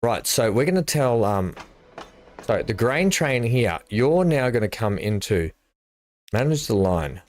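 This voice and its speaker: A man's voice: mid-range voice, very animated, a little slow, a little mellow, no room sound. A middle-aged man, chatting and thinking aloud while he streams a building game live. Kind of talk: live gameplay commentary.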